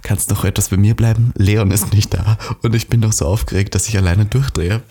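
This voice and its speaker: A man's voice: on the low side, steady tone, a little fast, warm tone, husky. A man reading the lines of a shaken young man who begs his friend to stay. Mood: pleading. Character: shaken young man pleading not to be alone.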